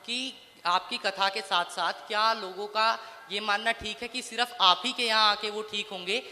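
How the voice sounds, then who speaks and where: A man's voice: high-pitched, steady tone, moderate pace, pushed and bright, in a large hall, a little hiss or hum. A man working as a journalist, asking questions at a public gathering in a polite, hesitant and deferential manner. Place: large gathering hall.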